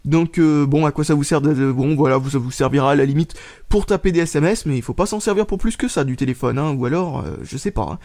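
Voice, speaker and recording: Halting man with a raised pitch. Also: a little mellow. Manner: halting, many fillers and restarts, mutters while typing; wry, swears under his breath at a faulty keyboard. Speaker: tech reviewer. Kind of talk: casual hands-on phone review.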